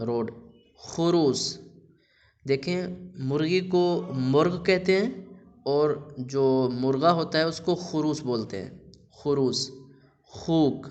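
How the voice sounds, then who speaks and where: A man teaching a recorded language lesson, reading vocabulary words aloud with stress and then explaining what each one means. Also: mid-range voice.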